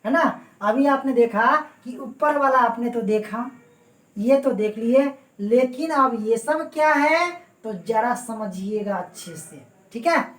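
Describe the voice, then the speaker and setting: A woman's voice: a little high, slow pace, distant mic. Woman lecturing in an echoey room. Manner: repeats points and keeps checking understanding, addressing students fondly. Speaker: Hindi grammar teacher. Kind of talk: exam-prep classroom lecture. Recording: roomy echo, voice away from the mic.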